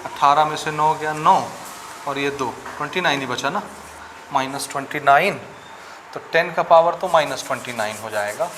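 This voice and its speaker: In a classroom lecture, a man with a slightly high, somewhat bright voice teaches physics at a moderate pace, working sums out aloud and questioning students for answers. The room echoes, with faint background noise.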